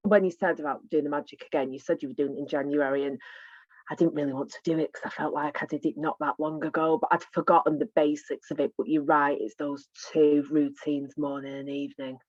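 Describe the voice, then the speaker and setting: A woman's voice: sits low, steady tone, quick pace, darkish tone, no room sound. A woman co-hosting a podcast in casual, friendly chat. Her voice sounds tinny and boxed-in because she is recording from inside a wardrobe without a proper microphone. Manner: chatty, friendly, thinks aloud. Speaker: podcast co-host. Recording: tinny, dull, dry home recording.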